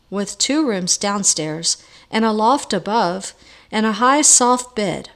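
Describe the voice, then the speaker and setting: A woman narrating a storybook novel aloud in a measured, even way. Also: mid-range voice. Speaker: audiobook reader.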